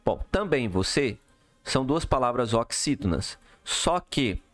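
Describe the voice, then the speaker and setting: A man's voice: mid-range voice, big pitch swings, measured pace, a bit bright, no echo. A man teaching a recorded lesson, walking through exercise answers step by step and checking in with the listener often. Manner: explanatory, checks in with "tá?" and "beleza?".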